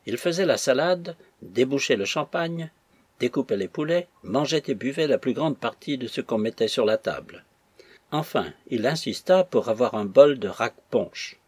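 A man narrating a classic novel as an audiobook, measured and lightly ironic in his storytelling. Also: medium pitch, darkish tone, breathy edge, no room sound.

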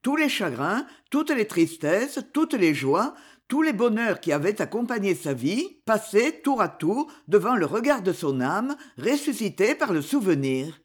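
Expressive audiobook narrator. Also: mid-range voice, measured pace, slightly rough. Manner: expressive storytelling. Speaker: audiobook reader. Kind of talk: scripted literary narration.

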